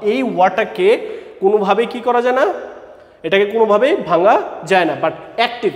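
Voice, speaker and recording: High-voiced teacher in an echoey room. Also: male voice. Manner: slow, explanatory, spells words letter by letter. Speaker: English teacher. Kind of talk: classroom grammar lesson. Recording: echoey room with long reverb.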